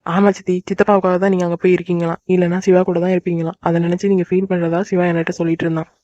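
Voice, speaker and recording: A woman voicing a caring young married woman in a cartoon, a soft-hearted elder sister who cries easily. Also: fairly low pitch, level tone, racing, dry recording, lightly acted. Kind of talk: cartoon voice acting. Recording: dry, dull lo-fi recording.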